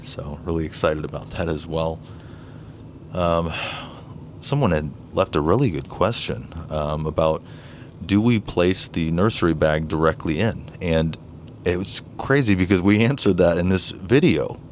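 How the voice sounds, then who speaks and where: A man with a very low, deep voice talks eagerly through a casual vlog, often addressing viewers as "ladies and gentlemen." He records indoors beside his grow tents, with a faint hiss behind him. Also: measured pace. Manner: enthusiastic, keeps saying "ladies and gentlemen". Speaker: home grower vlogger. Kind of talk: casual show-and-tell vlog.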